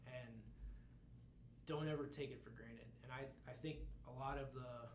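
A man's voice: medium pitch, fairly even intonation, normal speed, a little hiss or hum. A man chatting casually on a podcast, rambling with many asides and laughs. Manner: rambling, lots of fillers and laughs. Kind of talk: casual chat. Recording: roomy echo, faint ambience.

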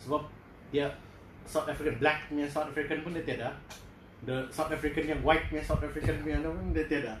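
Fast-talking man switching Malay and English. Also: fairly high pitch, level tone. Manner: mixes Malay and English, stammers when explaining. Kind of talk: casual chat. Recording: roomy with background noise.

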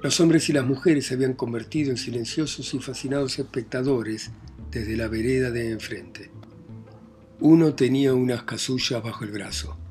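A man reading a novel aloud as narrator, in a plain, measured telling that lifts his pitch and volume when voicing characters. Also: darkish tone, faint music behind. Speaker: audiobook narrator.

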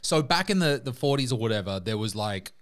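A man's voice: mid-range voice, animated, brisk. A man hosting a casual conversation, putting rambling questions and hypotheticals with some swearing. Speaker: podcast host.

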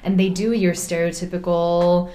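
A woman's voice: lowish voice, little pitch movement, moderate pace, dark tone, a little hiss or hum. A woman hosting a podcast interview, talking candidly and animatedly, with swearing and laughter. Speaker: podcast host.

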